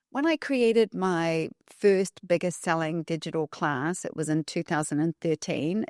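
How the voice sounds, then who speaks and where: A woman's voice: sits low, dry recording, studio quality. A woman guest on a podcast, telling stories emphatically and repeating key phrases for effect. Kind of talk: storytelling in an interview.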